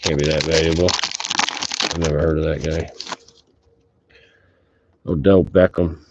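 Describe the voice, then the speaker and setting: A man's voice: a bass voice, steady tone, a little slow. A man talking through a face mask, giving laid-back, casual running commentary as he hosts a sports card break and swears offhandedly. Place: indoor tabletop card-opening setup. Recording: dull, muffled audio with background noise.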